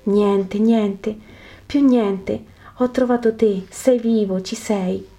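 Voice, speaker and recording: A woman reading the lines of a humble, poor man who has just been healed, speaking in a hushed, faltering, earnest voice. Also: mid-range voice, steady tone, slow pace. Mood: humble, moved. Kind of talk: scripted reading of a religious narrative.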